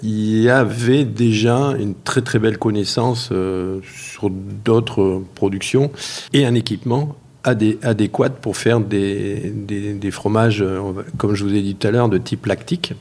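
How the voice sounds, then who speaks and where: A man's voice: fairly low pitch, steady tone, a little slow, darkish tone. Hesitant French-speaking man explaining. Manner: hesitant, many fillers, explains carefully. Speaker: cheesemaker interviewed about his cheese. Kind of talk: casual spoken interview.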